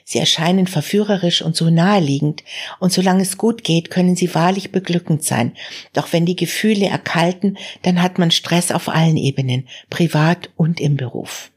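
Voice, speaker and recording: A woman reading the part of a wry, fatherly older male newspaper mentor in a measured, gently warning tone. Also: lowish voice, breathy edge.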